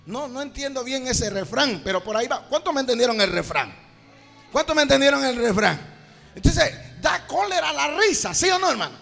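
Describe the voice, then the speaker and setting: A man's voice: extremely high pitch, big pitch swings, creaky, sharp tone. A man preaching a fervent evangelical sermon, often calling out to his listener as brother. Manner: fervent, drawn-out, addresses "hermano". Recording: reverberant hall, faint music.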